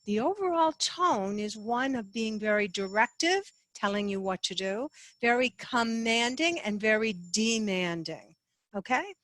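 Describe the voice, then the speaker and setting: Animated woman presenting a sales lesson. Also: fairly high pitch, measured pace, no echo. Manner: lively, sings phrases up and down to demonstrate inflection. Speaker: sales trainer.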